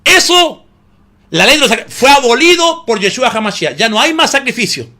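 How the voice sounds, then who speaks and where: High, lively, bright-voiced male preacher. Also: moderate pace. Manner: emphatic preaching, calls listeners "hermano" often; asks the audience rhetorical questions. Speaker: pastor. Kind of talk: sermon.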